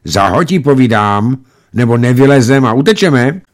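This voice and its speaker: A man's voice: mid-range voice, big pitch swings, pitched above the performer's own voice. A man voicing a scrappy, wary young village boy who talks bluntly and suspiciously. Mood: bold, suspicious.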